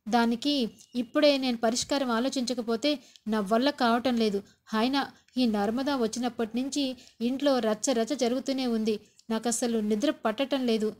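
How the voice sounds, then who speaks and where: A woman's voice: on the high side, fairly even intonation, normal speed, a little mellow, close to an everyday voice. Woman reading a stern angry father-in-law. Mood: scolding. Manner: scolding, lecturing.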